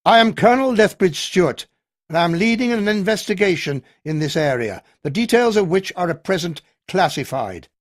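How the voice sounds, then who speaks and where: A man voices a stern, weary army colonel, clipped and commanding as he raises his voice over a crowd. His delivery sits high and expressive, pushed up in pitch, at a moderate pace.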